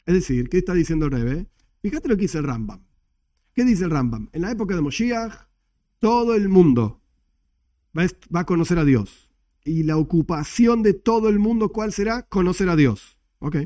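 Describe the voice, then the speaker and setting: A man's voice: high voice, brisk, dry recording, clean studio sound. Emphatic man teaching a class. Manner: animated, emphatic explaining with rhetorical questions and chuckles. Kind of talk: religious study class with slides.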